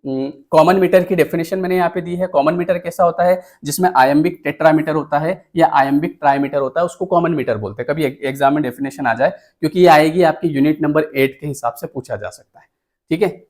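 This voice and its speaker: A man's voice: fairly high pitch, quick pace, darkish tone. A male teacher giving an exam-prep lecture on poetry meter, explaining step by step and often checking in with the class. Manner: counts items aloud while pointing at the screen.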